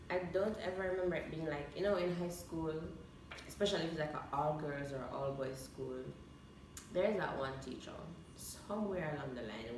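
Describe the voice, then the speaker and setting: A young woman talks casually to camera as a vlogger. Her voice is low in pitch. She sounds away from the mic, in a room with heavy echo. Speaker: vlog host. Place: echoey room. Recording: echoey room, distant mic, clear noise.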